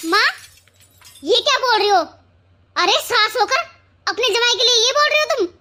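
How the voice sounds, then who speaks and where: A woman voicing a quick-tempered young married daughter in a cartoon who argues back at her mother. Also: extremely high pitch, lively intonation, sharp tone, heavily acted. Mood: defiant. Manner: defiant, argumentative.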